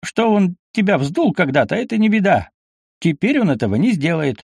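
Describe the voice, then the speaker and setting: A narrator puts on a merry, half-drunk older nobleman from a storybook, loud and teasing, his voice pushed higher than the reader's own. He is recorded close and dry, with no room sound. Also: sing-song, normal speed, vocal fry, breathy edge, no room sound, exaggerated voice. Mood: jovial. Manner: boisterous, teasing, sentimental when drunk. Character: tipsy jovial older nobleman, boisterous father.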